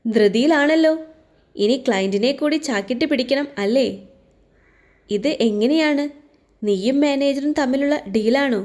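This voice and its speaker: A woman's voice: on the high side, moderate pace, a little mellow, natural voice. Woman voicing a sneering office team leader. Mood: taunting. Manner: mocking, taunting.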